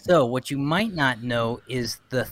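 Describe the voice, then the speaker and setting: A man's voice: medium pitch, unhurried, a bit bright. A man co-hosting a casual podcast chat, easygoing and enthusiastic. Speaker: podcast co-host.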